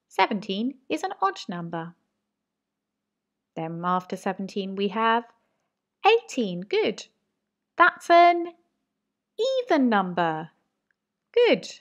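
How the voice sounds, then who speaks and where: A woman teaching a maths lesson to young children, talking slowly and encouragingly in a sing-song way. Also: fairly high pitch, fairly bright tone. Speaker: reception teacher.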